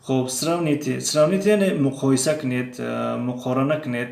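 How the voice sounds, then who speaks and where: Gravelly-voiced man teaching in an echoey room. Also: mid-range voice, darkish tone. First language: Tajik. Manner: slow, repeats drill words aloud. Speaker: language teacher. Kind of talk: explaining a lesson.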